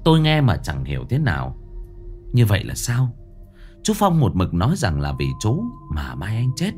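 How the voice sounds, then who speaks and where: A man narrating a ghost story in a dramatic, expressive reading. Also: on the low side, moderate pace, faint music behind.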